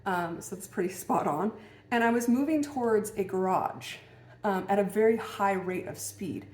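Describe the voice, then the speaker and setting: Woman vlogger, mid-pitched, reflective and hesitant storytelling, roomy room sound. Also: moderate pace, darkish tone. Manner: musing, hesitant, many fillers and restarts. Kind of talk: casual personal storytelling. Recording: roomy echo.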